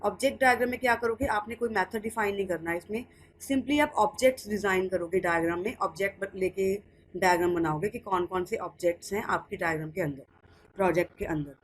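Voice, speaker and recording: A woman's voice: medium pitch, quick pace, a little hiss or hum, rough recording. A woman with an Indian English accent giving a lecture, switching between Hindi and English and answering her own questions. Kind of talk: classroom-style lecture.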